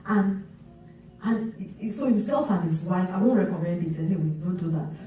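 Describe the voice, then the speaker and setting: Soft music plays as a Nigerian woman pastor delivers a sermon in a chatty storytelling style, restarting often and wandering into asides. She speaks at a moderate pace in a low, warm voice. The sound is distant and echoey, from a church sanctuary.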